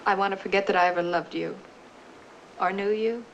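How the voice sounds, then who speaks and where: An actress playing a wounded, desperate suburban wife in a 1960s film drama, speaking in a halting, broken-up way. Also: female voice, mid-range voice, steady tone, dull audio, a little hiss or hum, lightly acted. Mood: cold, hurt.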